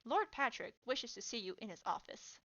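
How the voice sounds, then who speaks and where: Stern bullying male lieutenant, loud barked orders, bright voice, lo-fi mic, read by a woman. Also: fairly high pitch, animated, moderate pace. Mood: cold.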